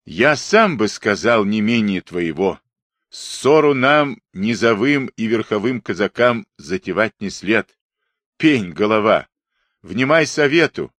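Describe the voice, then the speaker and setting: A man's voice: on the low side, lively intonation, takes it slowly, a bit bright, no room sound. A man voicing a stern young Cossack who admonishes firmly. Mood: admonishing. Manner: firm, admonishing.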